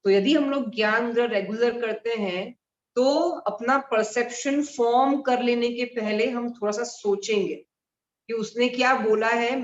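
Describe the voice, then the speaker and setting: A woman teaching mudra therapy to a live group in a conversational way, explaining with everyday examples. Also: on the high side. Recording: roomy and dull.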